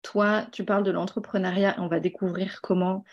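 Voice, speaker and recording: A woman's voice: mid-range voice, flat delivery, normal speed, husky, dull audio. A woman hosting a podcast, talking earnestly and casually, with frequent hesitations and fillers. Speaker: podcast host. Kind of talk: casual interview and promo.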